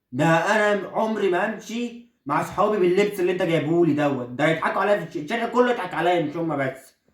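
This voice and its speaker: A man's voice: a little high, natural voice. A man with an Egyptian accent playing an indignant teenage son in a comedy sketch, scornfully refusing the clothes he was given. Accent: Egyptian Arabic. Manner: outraged, scornful protests. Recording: roomy echo, voice far from the mic.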